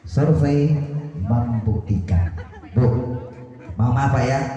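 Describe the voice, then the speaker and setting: Man, preacher, Indonesian accent, booming hall reverb, faint music behind. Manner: addresses audience directly with repeated questions, swings between soft and loud. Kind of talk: lively sermon with jokes. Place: small prayer hall. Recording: very echoey prayer hall with music.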